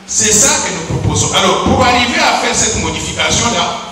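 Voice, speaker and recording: A middle-aged man from Congo speaks at a lectern into a handheld mic, explaining his case step by step and then hammering it home with emphatic repeated phrases. His voice is high and very bright. It carries through a large hall with a long, roomy reverb, and it sounds picked up from some distance. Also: lively intonation, a little hiss or hum. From Congo (DRC). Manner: deliberate, explanatory, rising to emphatic repetition. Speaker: politician presenting a bill. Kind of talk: public speech at a lectern. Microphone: handheld microphone.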